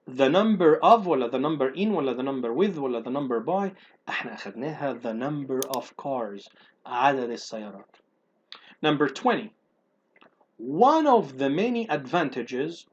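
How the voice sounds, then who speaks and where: A man with an Egyptian Arabic accent teaching English exam questions. He reads the English slowly, explains quickly and asks rhetorical questions. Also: a little high. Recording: dull lo-fi recording.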